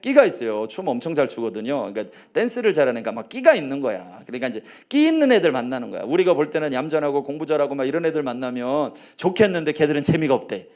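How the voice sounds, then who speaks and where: A man in his forties, a pastor preaching a sermon, telling family stories in a low voice and rising to loud rallying calls. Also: sing-song, fast, hardly any pauses. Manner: swings between hushed storytelling and loud rallying calls; acts out his family's quoted lines.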